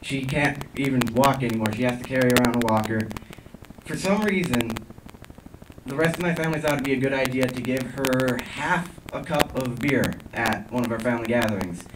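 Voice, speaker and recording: A young man performing a stand-up comedy set on a theater stage, talking to the crowd with dry asides. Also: distant mic. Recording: low-quality echoey theater recording from afar. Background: audience laughter and noise.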